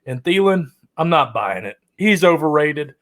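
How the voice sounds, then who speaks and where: A high, bright-pitched man hosts a fantasy football show and rattles off opinions in quick, slangy bursts. He keeps the energy up with casual banter throughout. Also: big pitch swings. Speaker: fantasy football podcast host. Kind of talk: casual hyped-up podcast chat.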